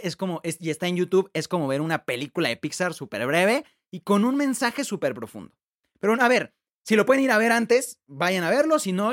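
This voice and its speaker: A man hosts a faith podcast, talking in a conversational way and retelling a story with quick asides and restarts. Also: high-pitched. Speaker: podcast host. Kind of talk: reflective faith podcast talk.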